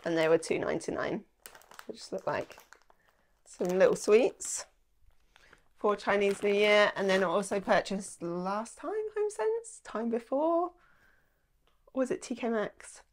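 An English lifestyle vlogger chats casually to camera about her shopping haul from a small room at home. Her mid-range voice is expressive, and she keeps a measured pace with long pauses, sounding a little nasal from a cold that's coming on. She rambles, dropping in plenty of "like" and "um."

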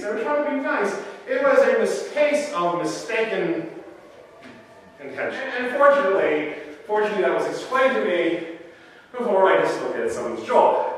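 Male pastor, animated storyteller, recorded from a distance in a long-reverb hall. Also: sits high, slight background noise. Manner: animated storyteller, acts out scenes with shifting voice. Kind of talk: storytelling sermon. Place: church sanctuary. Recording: echoey church hall from far off.

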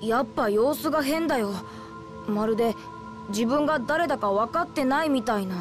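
A woman's voice: sits high, expressive, moderate pace. A woman voicing a skeptical young boy spirit in a video game, with casual, blunt, boyish delivery. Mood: puzzled. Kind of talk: Japanese RPG cutscene voice acting. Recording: game soundtrack music behind.

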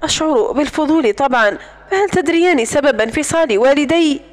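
Casting: a woman reading a shaken, hesitant young woman with a high voice, storybook style. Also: expressive, a little fast. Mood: troubled. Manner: soft, hesitant.

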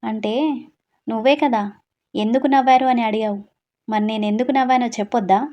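A woman's voice: fairly high pitch, steady tone, a little fast, lo-fi sound, natural voice. A woman voicing a playful, bossy young husband who teases and scolds his wife in a read-aloud story. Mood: teasing. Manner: teasing, scolding.

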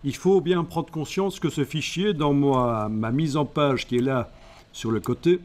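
A man speaking, explaining a software tutorial step by step and thinking aloud as he works. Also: on the high side, measured pace. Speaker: software instructor. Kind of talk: screen-recorded software tutorial.

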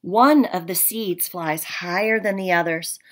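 Recorded on a laptop webcam in a room at home, this woman in her thirties, a teacher, reads a picture book to young children. Her voice is on the low side and a little slow, and her reading is gentle and expressive.

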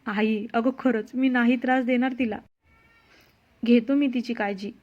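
A woman voicing an excitable, childish young husband who pleads insistently in a storybook reading. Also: on the high side, a little slow, natural voice. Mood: pleading. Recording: dull lo-fi sound.

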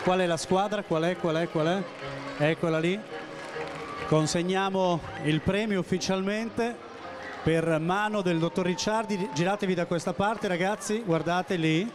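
A man's voice: sits high, fairly even intonation, unhurried. A man hosting a live quiz, announcing with suspense and giving short projected commands. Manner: Italian quiz host, announcing and building suspense; projecting, directing children with repeated short commands. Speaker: quiz show host. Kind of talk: live event hosting to children and audience. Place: busy indoor shopping centre atrium. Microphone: handheld microphone. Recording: live PA with music and crowd noise.

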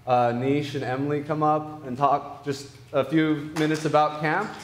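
A man's voice: on the high side, little pitch movement, moderate pace, a little hiss or hum. A young man giving casual church announcements on a stage, hesitant and full of filler words. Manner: casual, hesitant with many uh's. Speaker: youth pastor. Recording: roomy church hall sound.

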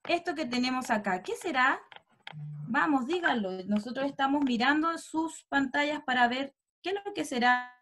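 A woman's voice: high-pitched, lively intonation, moderate pace, a bit bright. A woman, patiently teaching an online class for young children and prompting them with questions. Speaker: first-grade teacher.

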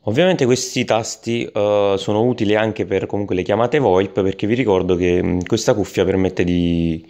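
Male gadget reviewer, deep register, halting delivery full of "eh" and restarts. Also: fairly even intonation, a little mellow. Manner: hesitant, many fillers and restarts. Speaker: tech product reviewer. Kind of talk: unscripted product review voice-over.

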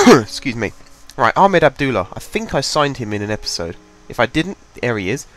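Close to his home desk mic, a young gaming channel host gives casual commentary on his game, chatty and rambling as he thinks aloud with lots of fillers. A cold leaves his mid-range voice a bit stuffy, while his delivery is sing-song, bright and forceful at a normal speed.

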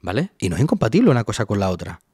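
A man's voice: on the low side, very animated, rapid-fire, darkish tone, breathy edge, no room sound, clean studio sound. A man, a psychologist guest, explaining a topic patiently in a webinar and often checking in with his listener.

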